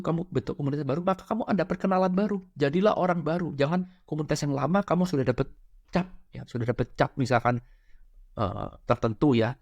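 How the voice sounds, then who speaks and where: A man's voice: breathy edge, no echo. A man giving a casual motivational lecture, talking straight to his listeners and often checking that they follow. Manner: chatty, keeps checking with listeners ("betul ya?", "oke?"); animated, jumps up in pitch to stress points. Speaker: spiritual lecturer.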